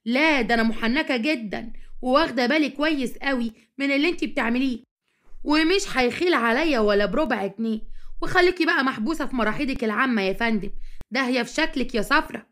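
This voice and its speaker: Brief: a woman playing a jealous Egyptian housewife, sarcastic, higher voice, quick scolding delivery. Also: fairly bright tone. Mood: taunting. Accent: Egyptian Arabic. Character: sharp-tongued jealous young wife.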